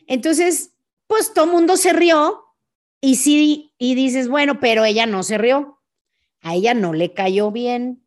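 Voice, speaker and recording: A Mexican woman hosting a podcast, telling a story in a relaxed, chatty way, with a slightly higher voice. She acts out the punches with sound effects and keeps throwing in quick asides. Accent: Mexican Spanish. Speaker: podcast host. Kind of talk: casual storytelling monologue.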